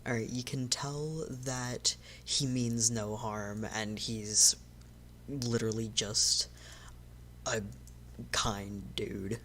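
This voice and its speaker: A game master narrating a tabletop game in an unhurried way, with filler pauses. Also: mid-range voice, steady tone, bright, forceful tone, slight background noise.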